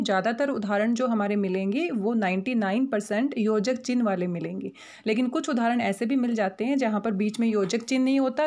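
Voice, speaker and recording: A woman teaching Hindi grammar over slides, patient and methodical, slowing down to spell out each example word. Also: on the high side, darkish tone.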